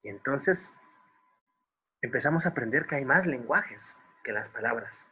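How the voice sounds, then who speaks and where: A Guatemalan man, a writer, gently telling stories to children over a video call, asking them questions and repeating words for emphasis. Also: mid-range voice, expressive, measured pace, breathy edge. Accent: Guatemalan Spanish. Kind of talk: storytelling for children.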